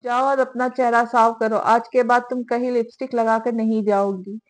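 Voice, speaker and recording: Woman reading a bossy angry young husband, short curt lines, higher voice. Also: level tone, moderate pace, natural voice. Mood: commanding. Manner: curt, commanding. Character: hot-tempered possessive young husband.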